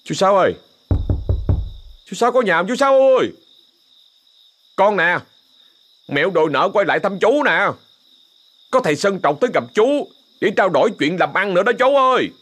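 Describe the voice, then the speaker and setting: A man's voice: animated, moderate pace, long pauses, slightly rough. A man voicing a nervous young male debt collector who whines and frets. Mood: calling. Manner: high, whiny, fretful.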